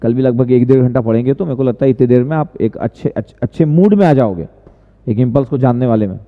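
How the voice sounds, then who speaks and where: A man's voice: mid-range voice, quick pace. Man teaching over tinny echoey audio. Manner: chatty, answers chat questions, repeats phrases. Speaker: online tutor. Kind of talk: casual live-stream teaching.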